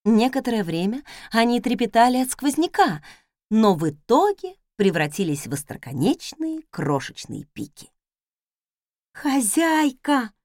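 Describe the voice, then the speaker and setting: Lively woman reading a fantasy audiobook. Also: a little high, normal speed, dry recording, clean studio sound. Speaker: audiobook reader. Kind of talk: expressive first-person audiobook narration.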